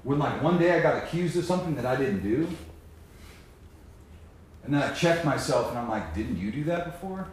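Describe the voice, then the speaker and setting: Man, mid-pitch, slangy motivational talker on sobriety, swearing often, swinging from quiet asides to loud preaching; very roomy echo, faint ambience. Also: lively intonation, normal speed, long pauses, a little hiss or hum. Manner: swings from low muttering to loud emphatic preaching, heavy cursing, slangy. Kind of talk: impassioned motivational monologue. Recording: very echoey room.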